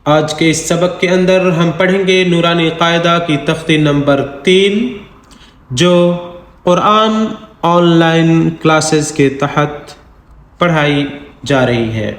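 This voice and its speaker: A man with a high voice teaches in an online lesson, his words ringing in a roomy space. He drills the letters slowly and patiently, repeats each sound, and often asks whether the learners follow. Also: fairly bright tone. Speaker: Quran reading teacher.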